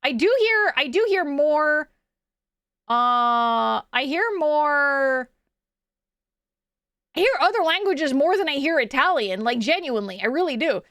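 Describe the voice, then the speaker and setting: Here a young woman with a high, fairly bright voice talks expressively to her stream chat at a measured pace, pausing often. Her casual rambling is full of stumbles and laughter, and the close-miked sound is dry, with no room around it.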